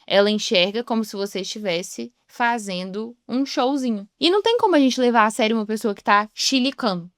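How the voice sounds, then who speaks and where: A woman's voice: fairly high pitch, lively intonation, fairly quick, few pauses, no echo. Chatty woman, dry close sound. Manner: chatty, acts out quoted voices. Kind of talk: reflective devotional talk.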